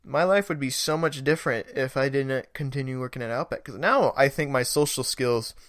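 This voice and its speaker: A man's voice: medium pitch, brisk, fairly bright tone, no echo, clean studio sound. A young man hosting a podcast, telling a rambling story in a casual way, laughing and swearing now and then. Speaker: podcast host.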